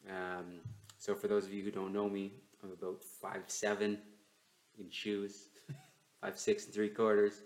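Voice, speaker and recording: A man hosting a casual solo podcast, his enunciation slightly stiff from a sore, numb jaw. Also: low voice. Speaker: podcast host. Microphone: newly bought microphone, not laptop mic. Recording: roomy, echoey home microphone recording.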